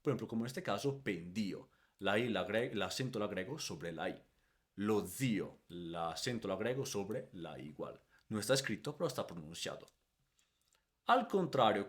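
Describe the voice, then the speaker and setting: Man, teaching a grammar lesson in Spanish; animated pitch, patient step-by-step delivery, checks in with "ok?". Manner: explains step by step, keeps checking with "¿ok?"; stretches the Italian example words slowly and loudly. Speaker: Italian language teacher.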